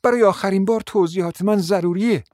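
A man's voice: high-pitched, a little mellow, no room sound, clean studio sound, close to an everyday voice. A man playing a proud, scheming middle-aged mother who pleads insistently and at length, acted as a radio drama. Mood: pleading. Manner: pleading, insistent and long-winded.

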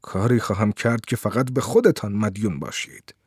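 A man reading the part of a scheming, smooth-tongued revolutionary prosecutor who speaks with silky menace. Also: fairly low pitch, dry recording, studio quality. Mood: oily. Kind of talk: audiobook character reading.

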